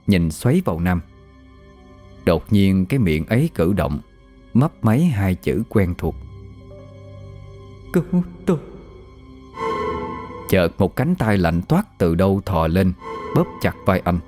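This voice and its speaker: A man telling a horror story in a grave, measured narration. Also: low-pitched, darkish tone. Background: faint music.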